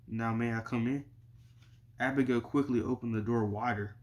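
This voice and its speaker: A man reading a novel chapter aloud in a plain, steady way, barely changing his voice between characters. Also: medium pitch, moderate pace. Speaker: audiobook reader.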